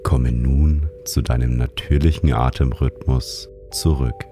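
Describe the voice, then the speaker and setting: Very deep, slow male sleep meditation narrator. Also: over music. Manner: soothing, calm, sleep-story narrator delivery. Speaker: meditation guide and show host.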